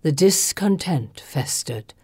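An ancient, snake-haired female creature speaks in a low, dark voice, slow and grave as she recalls the past, put on by a woman reading a storybook aloud. The sound is close and dry. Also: expressive, breathy edge, dry recording, exaggerated voice. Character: ancient sorrowful female serpent-haired creature, the last of her kind.

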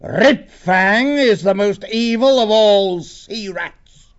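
A man voicing a huge, fierce old male badger lord who speaks slowly and gravely. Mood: stately. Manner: slow, booming and grave. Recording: dull lo-fi audiobook recording.

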